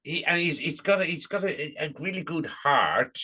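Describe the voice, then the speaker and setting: A man's voice: on the high side, lively intonation, moderate pace, bright, forceful tone. A middle-aged man chatting casually as he hosts an interview. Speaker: podcast host.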